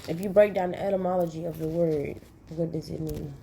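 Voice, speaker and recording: A woman hosting her own channel, chatting casually and sleepily to her viewers in a relaxed, rambling, affectionate way. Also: sits low, a little fast, gravelly, a little hiss or hum. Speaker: channel host. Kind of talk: casual morning chat to viewers.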